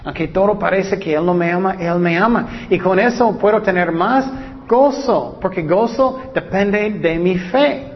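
A man preaching a sermon, repeating key words for emphasis and reading scripture slowly and deliberately. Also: sits high, in a large hall. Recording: dull lo-fi recording.

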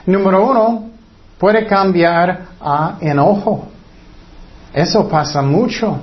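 A man preaching a sermon in an earnest way, letting his voice sink low on heavy words. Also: takes it slowly, dull audio.

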